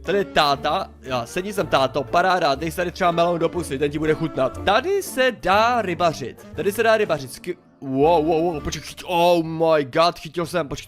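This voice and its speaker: A young man chatting excitedly through a game as a YouTuber, exclaiming and mildly swearing as he plays. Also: a little high. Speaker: gaming YouTuber. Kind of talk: casual game commentary.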